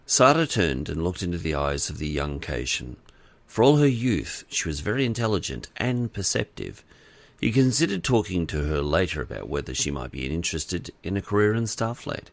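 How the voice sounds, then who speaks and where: A man narrating an audiobook with expressive storytelling. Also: sits low, moderate pace, creaky, no echo.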